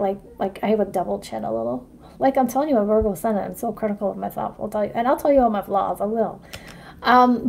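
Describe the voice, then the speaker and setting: A chatty woman in her forties with a slightly high voice, talking casually to viewers in a livestream. She rambles from one point to the next and keeps checking in with "right?" and "you know what I mean?". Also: darkish tone. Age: 40s. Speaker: astrology vlogger showing her makeup routine.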